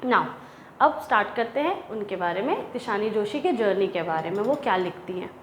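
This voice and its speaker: A young woman teaching an English lesson. She reads English lines slowly and deliberately, then explains them in Hindi. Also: medium pitch, sing-song, fairly bright tone. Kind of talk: classroom lesson explaining a textbook chapter. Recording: echoey room with faint ambient noise.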